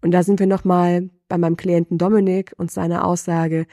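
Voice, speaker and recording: A middle-aged woman voice coach giving a lesson, asking the listener slow, deliberate reflective questions. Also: fairly low pitch, level tone, mellow, dry recording, studio quality.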